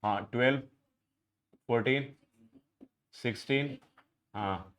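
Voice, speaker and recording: A middle-aged Indian man teaches math to a live class in a mid-range, fairly bright voice, taking it slowly. Working through each step, he keeps quizzing students and mixes Hindi and English in this classroom lecture.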